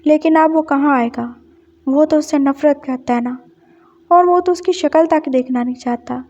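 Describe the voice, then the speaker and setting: Woman storyteller, high pitch, Pakistani Urdu accent, soft emotional narration, muffled lo-fi recording. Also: moderate pace. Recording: dull lo-fi sound.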